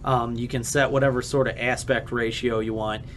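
A man's voice: medium pitch, little pitch movement, moderate pace, slight background noise. A man co-hosting a podcast in casual chat, explaining technical gear at length with many fillers. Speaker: podcast co-host.

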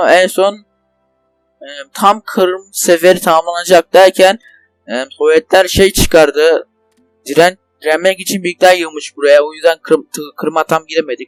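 A young man hosting a gaming channel, giving casual let's play commentary, rambling and swearing at the game in frustration. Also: on the high side. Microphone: desk microphone.

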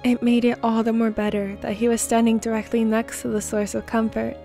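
A woman reads a fan fiction story aloud in a soft, steady voice. Her pitch sits a little high but barely moves. The tone is mellow, over faint background music. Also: brisk, gravelly. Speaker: narrator.

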